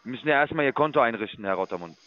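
A man's voice: mid-range voice, animated, racing, bright, forceful tone, dull audio. A man working as an investment sales caller, lecturing and condescending as he walks a customer through a sign-up. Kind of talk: phone sales call.

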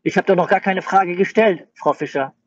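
A man's voice: high voice, normal speed, noisy background. A man acting as the boss who takes over a phone call, placating the caller and repeating her name over and over.

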